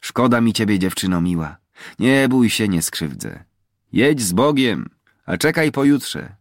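Man reading a cocky young highland marksman, bold and teasing, gravelly tone. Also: sing-song, measured pace, no echo, clean studio sound. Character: young male mountain poacher, proud and bold. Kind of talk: audiobook character reading.

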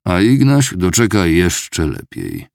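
Man reading elderly father, calm, stubborn, steady, deep gravelly voice. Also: slow, no room sound, studio quality, full character voice. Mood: calm certainty. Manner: quiet, steady conviction.

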